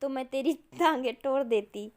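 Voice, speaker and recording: A woman's voice: high voice, moderate pace, a little mellow, clean tone, natural voice. A woman doing a mischievous playful girl. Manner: playful, teasing.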